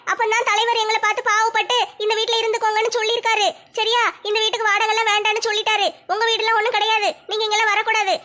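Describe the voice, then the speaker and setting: A woman playing a young college-age daughter in a comedy skit, standing up to her drunken father. Her voice is very high, bright and quick, held on a narrow, insistent tone. She scolds and pleads by turns.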